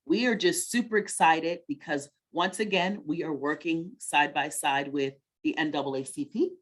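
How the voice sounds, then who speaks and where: A woman with a slightly low voice, speaking at a moderate pace, presents story time to children. She keeps it conversational and encouraging in a teacherly way, checking in with questions and echoing the answers back.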